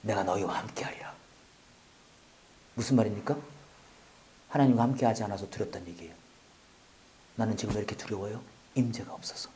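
A man preaching a sermon as a pastor, with joking asides, swinging from loud exclamations to near-whispers. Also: on the low side, quick pace, pauses often.

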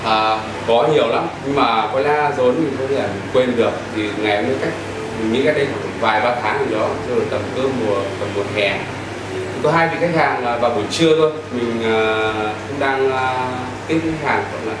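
Guy in his 30s, cafe owner, earnest and halting, far off in an echoey room w/ aircon noise. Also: mid-range voice. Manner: earnest, many hesitation fillers. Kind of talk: casual interview answers. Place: inside a small cafe. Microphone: far camera.

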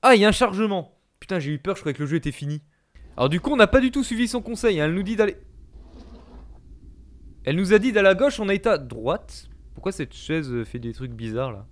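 In a small home gaming room, a young adult man with a high, expressive voice commentates a horror game at a quick pace, jumpy, panicked, and cursing. He has a headset on and sits close to a desk microphone.

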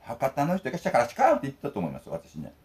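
A man's voice: medium pitch, wildly swooping pitch, rapid-fire, a little mellow. A middle-aged man from Okinawa, hosting a food vlog and chatting casually while eating, telling wandering, jokey stories.

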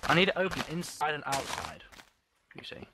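A young man gabbles excitedly over voice chat, his voice leaping up and down as he explains his build. It sits on the higher side for a man, with heavy background noise and clicks from the line. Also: a little fast. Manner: excitable, rambling, laughs often. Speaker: gamer. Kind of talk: casual chat while playing.

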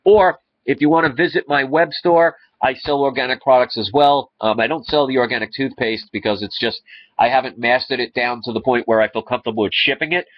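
Brisk and fairly even in intonation, his medium-pitched voice carries a stuffy, congested quality. The man, in his thirties, vlogs casually and earnestly to a webcam at home in his living room, rambling with restarts over slightly dull lo-fi audio.

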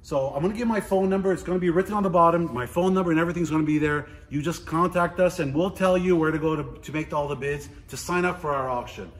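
A middle-aged man giving a casual walking tour of a large warehouse as an auctioneer, chatty and playful, listing items in quick repeats. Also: fairly high pitch. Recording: roomy warehouse echo, faint background noise.

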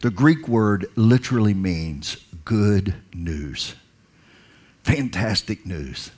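A pastor in his forties delivers a sermon from a large indoor stage, speaking into a headset mic. His delivery swings between quiet, hushed lines and loud, emphatic calls to the congregation. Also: lowish voice, animated, slow pace, slightly rough.

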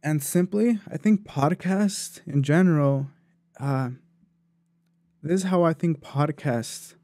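Mellow-voiced man rambling casually. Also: on the high side, slow, dry recording, clean studio sound. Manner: rambling, loose and chatty with many fillers. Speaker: podcast host. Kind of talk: casual solo podcast talk.

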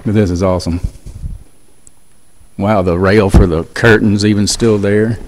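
A man's voice: lowish voice, fairly even intonation, a little slow. A man touring an abandoned school, chatting curiously and often restarting his sentences. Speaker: urban explorer host. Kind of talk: casual walkthrough chat. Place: inside an abandoned school building.

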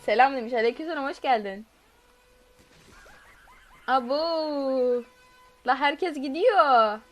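A woman's voice: sits high, lively intonation, slow, fairly bright tone, soft background music. A woman streaming a game live, chatting with viewers, reading their messages aloud and shrieking when chased. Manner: reads chat messages aloud. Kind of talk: live gameplay commentary.

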